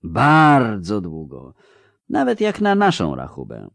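A man voicing an ancient, aloof male elf sage who speaks slowly, quietly and with measured calm. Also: on the low side, vocal fry, dry recording, full character voice. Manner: slow, quiet, measured speech.

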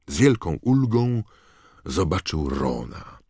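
A man narrating an audiobook in a measured, dramatic storytelling manner. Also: low-pitched, sing-song, mellow, slightly rough, dry recording, studio quality. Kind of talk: scripted narration.

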